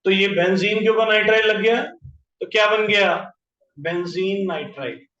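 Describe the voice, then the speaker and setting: A man teaching chemistry in a classroom, quizzing students by name and slowly repeating each compound name. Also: sits high, a bit bright. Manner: questions students by name, drills terms slowly. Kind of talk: classroom lecture. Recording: roomy, distant, dull lo-fi classroom audio.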